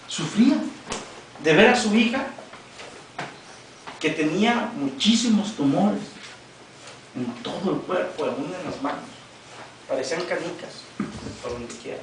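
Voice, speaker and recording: Sex: man. Role: preacher. Style: conversational sermon. Pitch: high. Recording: very echoey church, mic far away. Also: lively intonation, a little slow, pauses often, a little hiss or hum. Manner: conversational, addressing listeners directly. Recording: echoey church room from afar.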